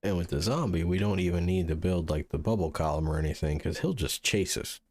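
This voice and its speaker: A man hosting a gaming channel, musing through relaxed gameplay commentary and sounding sleepy. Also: sits low, brisk, no room sound. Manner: mellow, musing, thinks aloud with restarts. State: sleepy, yawning.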